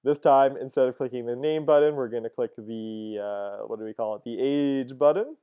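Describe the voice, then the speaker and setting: A man's voice: mid-range voice, moderate pace, smooth, dull audio. A man in his thirties teaching a coding lesson over a screen recording, casual and thinking aloud, with fillers and "cool, cool". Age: 30s.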